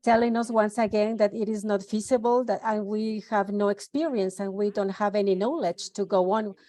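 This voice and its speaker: A woman interpreting live into English on a video call, with steady, measured phrasing and small self-corrections. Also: medium pitch. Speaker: simultaneous interpreter.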